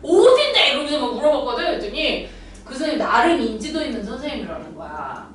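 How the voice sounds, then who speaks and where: A woman cram-school tutor lectures her class, telling blunt, lively stories and sometimes acting out loud scolding. Her voice is high. It rings through an echoey classroom, heard from some distance away. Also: fast talker, a little hiss or hum. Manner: blunt, animated storytelling, acts out loud scolding.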